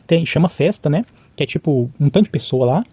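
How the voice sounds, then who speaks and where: A man from Brazil talks fast in a casual vlog, often ending his thoughts with quick check-ins to the viewer. His voice is dark and mellow, a little high for a man. The sound is dry and close. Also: expressive, slightly rough, dry recording. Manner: chatty, frequent "tá?" and "né?" check-ins; replays conversations by imitating both sides. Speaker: vlogger. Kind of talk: casual talk to camera about learning English.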